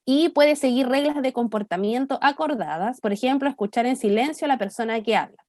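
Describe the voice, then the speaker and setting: A woman's voice: high voice, fairly quick, a little mellow. A young adult woman from Chile, giving a church talk on child development to parents in a conversational way, often checking in with her listeners. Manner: conversational, asks "¿cierto?" often. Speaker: parenting workshop speaker.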